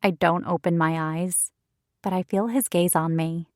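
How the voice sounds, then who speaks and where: A woman reading a first-person romance audiobook in an expressive, wry storytelling manner, recorded close on a studio mic. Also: fairly low pitch, moderate pace, no echo. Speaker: audiobook narrator.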